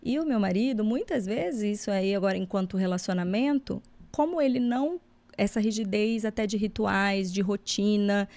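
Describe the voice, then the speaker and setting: A Brazilian woman in her thirties, hosting a casual podcast chat in a joking, self-mocking way with quick bursts of talk. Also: medium pitch, darkish tone. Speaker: podcast host.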